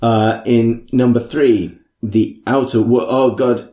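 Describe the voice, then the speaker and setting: A man co-hosting a podcast, reading out a list with jokes, swearing and frequent laughter, a little hoarse. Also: medium pitch, fairly even intonation, slow, dark tone. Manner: jokey, swearing, laughing often. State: losing his voice. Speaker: podcast co-host. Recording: roomy echo.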